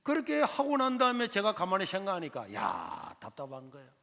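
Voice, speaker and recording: A man's voice: high-pitched, brisk, gravelly. A male pastor with a telling a personal story in a sermon, acting out the voices of the people in it. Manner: acts out dialogue of his mother, uncle and others in a lively storytelling voice. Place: large church sanctuary. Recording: hall reverb of a church sanctuary.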